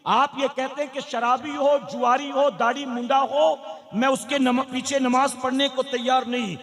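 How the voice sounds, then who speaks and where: Male preacher, very high pitch, impassioned sermon style, heavy reverb of a public address system. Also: little pitch movement, moderate pace, a bit bright. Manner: impassioned, fires rhetorical questions at the crowd. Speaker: preacher at a religious gathering. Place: large public gathering. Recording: long hall reverb from PA.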